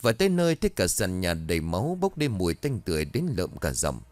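A man narrating a ghost story in a low voice. His reading is expressive, with pitch that rises and falls dramatically, and it is recorded close and dry with no room sound. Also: fast talker, no room sound.

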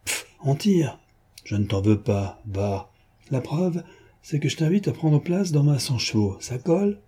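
A man voicing a mocking, boyish gentleman thief who talks to a young man in a teasing, patronizing way. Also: a little high, very animated, measured pace, husky, pitched above the performer's own voice, full character voice.

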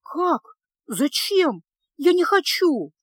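Woman doing a scared squeaky young witch girl, high and protesty, dry audiobook sound. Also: big pitch swings, moderate pace, a bit bright, dry recording. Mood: protesting. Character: frightened young woman apprentice witch, flustered.

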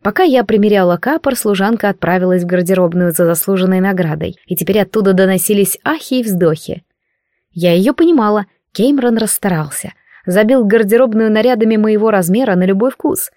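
A woman narrating a first-person audiobook in a wry, expressive way. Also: medium pitch, a little fast, dry recording, clean studio sound.

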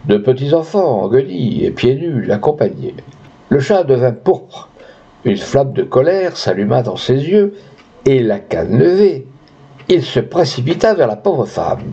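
A man narrating a literary tale in an expressive reading, in a dull lo-fi recording. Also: mid-range voice, a little slow, breathy edge. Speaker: audiobook reader.

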